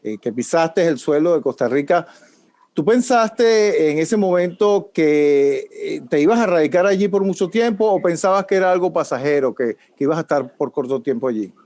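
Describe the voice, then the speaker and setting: A man's voice: on the high side, expressive, moderate pace, darkish tone, no echo. A man hosting an online panel, asking questions in a friendly, upbeat way. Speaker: host. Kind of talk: panel interview host.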